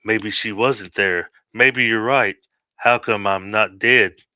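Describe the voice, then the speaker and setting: A man voicing a desperate, terrified farmer, pleading in strained shouts, on a dull lo-fi recording. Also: fairly low pitch, steady tone, slow pace, dry recording, full character voice. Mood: bewildered.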